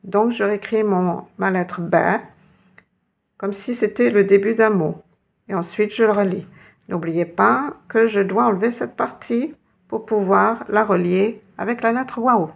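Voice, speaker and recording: Woman teacher, slow careful delivery, gravelly voice, patient step-by-step explanations. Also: mid-range voice. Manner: patient, instructional, spelling out letters. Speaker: Arabic teacher. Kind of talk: step-by-step lesson narration.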